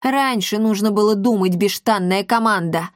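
A woman's voice: mid-range voice, moderate pace, no room sound, clean studio sound, natural voice. Brief: bold talking tomcat, reproachful and threatening, voiced by a woman narrator, storybook. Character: sharp-tongued fighting male cat.

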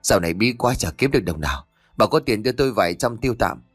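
A man's voice: on the low side, expressive, quick pace, breathy edge, no echo, clean studio sound, soft background music. A man reading an audiobook, voicing a greedy, cruel young adult son who snarls with contempt. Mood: cajoling.

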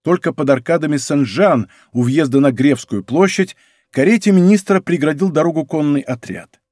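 A male audiobook narrator reads a period adventure novel at a measured, steady pace. His voice sits slightly high for a man. The studio sound is close and dry, with no room echo. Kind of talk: scripted narration. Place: recording studio.

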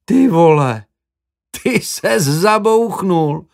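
A man's voice: mid-range voice, lightly acted. A male audiobook reader voicing a blunt, bitter young man who talks crudely. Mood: amused teasing.

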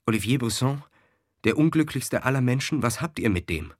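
A man's voice: lowish voice, animated, moderate pace, husky, no room sound, clean studio sound. A man voicing an elderly noblewoman who pleads in distress. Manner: emotional, pleading delivery.

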